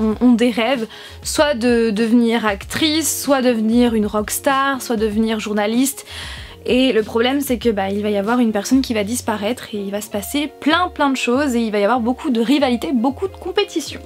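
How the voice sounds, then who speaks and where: A woman vlogger chatting casually to camera about books she bought, hesitating often with fillers. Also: high-pitched. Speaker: book vlogger. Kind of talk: casual haul chat to camera.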